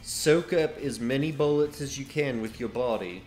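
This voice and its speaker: A man's voice: medium pitch, normal speed, darkish tone, soft background music, voice pushed up, lightly acted. A man doing a cocky gaming streamer. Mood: mock tutorial. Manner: mock-serious instructional delivery. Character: male gaming streamer, cocky and overly confident.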